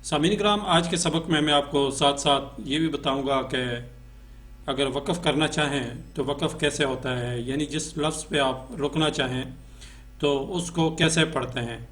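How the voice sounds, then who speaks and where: A Pakistani man leads a Quran reading lesson, chanting letters and syllables in a slow, melodic way before explaining quickly and frequently checking in with a brief "okay." His voice is a little high and a bit bright.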